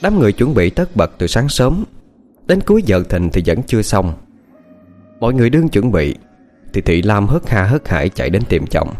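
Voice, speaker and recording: Low-voiced guy reading a spooky story, lots of rise and fall, faint music under it. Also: normal speed. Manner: steady storytelling with lively intonation. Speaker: audiobook narrator. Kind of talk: scripted narration.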